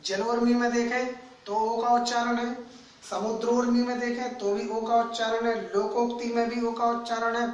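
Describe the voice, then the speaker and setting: A man teaching a grammar lesson to coaching students, speaking slowly and repeating key points, addressing them as friends. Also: extremely high pitch, far from the mic, a little hiss or hum. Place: coaching classroom. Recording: echoey room, voice away from mic.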